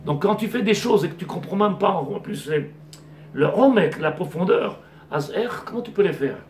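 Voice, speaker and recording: A man's voice: high voice, expressive, normal speed, a little mellow, slight background noise. A man, a rabbi, giving a Torah class to a small audience, digressive, firing rhetorical questions at the class and mixing in Hebrew terms. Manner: mixes Hebrew terms into French. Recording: echoey room.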